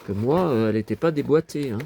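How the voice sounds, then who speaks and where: A man's voice: mid-range voice, animated, quick pace, vocal fry, dark tone, slight background noise. A man casually presenting his toy collection to viewers, chatty and rambling, talking straight to the audience. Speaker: collector showing his toys.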